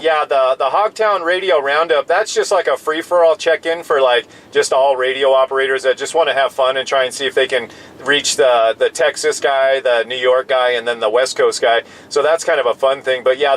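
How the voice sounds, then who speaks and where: An American CB radio operator in his fifties chats casually from his pickup truck, explaining things in a relaxed, rambling manner. His medium-pitched, fairly bright voice comes quickly with few pauses, and the rough in-vehicle recording has clear background noise.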